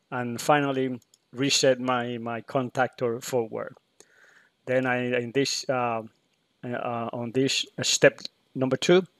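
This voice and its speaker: A man talks slowly through his code in a screen-recorded tutorial, pausing often with fillers and restarts. His voice sits at an ordinary pitch. The recording is close and dry. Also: dry recording. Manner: hesitant, many fillers and restarts. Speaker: PLC programmer demonstrating code.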